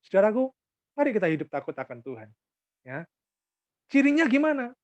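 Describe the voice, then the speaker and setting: A man's voice: high-pitched, very animated, brisk, a little mellow, dry recording. A man preaches a sermon, bringing his anecdotes to life by acting out the people in them. The recording is dry and a little dull, with the muffled feel of lo-fi sound. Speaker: pastor.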